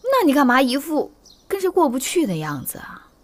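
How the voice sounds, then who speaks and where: A sarcastic concubine, high voice, swooping intonation, period TV drama, music behind. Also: female voice, huge pitch swings. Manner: teasing, sarcastic, quick to explain schemes. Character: sharp-tongued scheming second concubine, woman. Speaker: second concubine in household. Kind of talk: Chinese period TV drama, dubbed dialogue.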